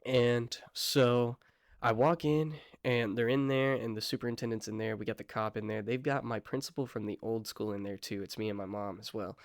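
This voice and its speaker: A young man tells a story to his viewers in a relaxed, slang-filled way, often pausing to apologize or check in with them. His voice sits at an ordinary middle pitch. The recording is dry, with no room sound around him. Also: no echo. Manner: slangy, laid-back, apologetic asides. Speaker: vlogger. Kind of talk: casual storytime vlog.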